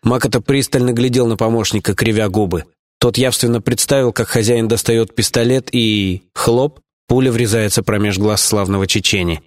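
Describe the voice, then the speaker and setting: A man's voice: fairly low pitch, steady tone, normal speed. Man narrating an audiobook. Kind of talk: scripted narration.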